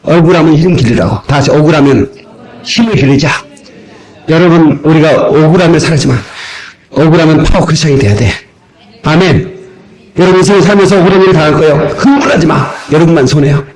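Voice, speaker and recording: A male pastor preaching a sermon in an animated way, acting out little dialogues and raising his voice at times, heard from an old cassette tape recording. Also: a little high, quick pace, rough recording. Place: church sanctuary.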